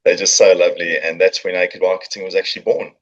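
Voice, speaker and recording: Speaking fast in a deep, level voice, this middle-aged man with a South African accent chats as a podcast guest. He owns a business and recounts his story in a casual interview at a coworking space, peppering it with jokes and fillers. The audio is dull.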